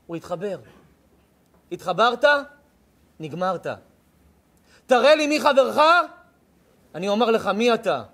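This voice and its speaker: A man's voice: sits high, expressive, long pauses, fairly bright tone. A man, a rabbi, giving a sermon with emphatic, punchy repetition.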